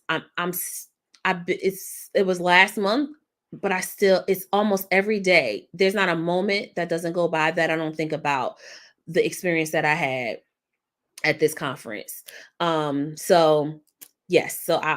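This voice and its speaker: A woman podcast host, speaking in a slightly low voice. She talks in a loose, heartfelt way, close to tears, repeating words and tagging her thoughts with "right?". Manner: rambling, repeats words, says "right?" often. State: emotional, near tears. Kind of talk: casual heartfelt monologue.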